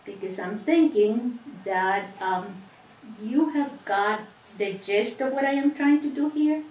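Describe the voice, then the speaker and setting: Seated back from the microphone in an echoey room with a faint hum of ambience, a middle-aged sewing instructor with a Cuban accent leads a hands-on demonstration. Her voice is fairly high and darkish, and she speaks slowly, chatting step by step and frequently restarting her sentences.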